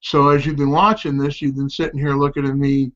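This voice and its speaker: A middle-aged man giving a casual, candid promotional talk to camera, with halting, slightly slurred speech as if half his mouth is numb from the dentist. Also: medium pitch, little pitch movement, fairly bright tone. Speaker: home-based business promoter. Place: small home office. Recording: dull, lo-fi sound.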